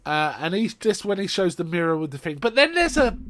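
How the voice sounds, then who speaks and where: A man co-hosting a podcast, retelling a film's plot in lively casual chat with asides. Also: sits high, brisk, no room sound. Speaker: podcast co-host. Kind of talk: casual film recap chat.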